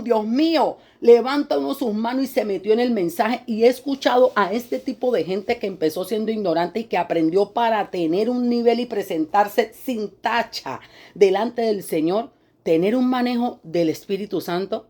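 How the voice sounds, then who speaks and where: Woman preacher giving a sermon, animated, does high mocking voices for people she quotes.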